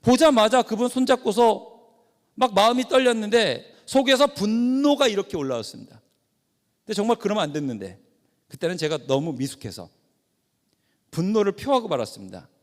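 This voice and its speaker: A male pastor giving a lecture in the style of a sermon, telling an animated story and acting out its dialogue. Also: high-pitched, a little fast. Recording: long hall reverb.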